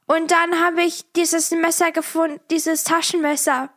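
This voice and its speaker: A young woman with a high voice chats and teases her parents on a family podcast. She hesitates, searches for words, and restarts her sentences. Her delivery stays casual and lively. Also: a little slow. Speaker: podcast co-host, daughter.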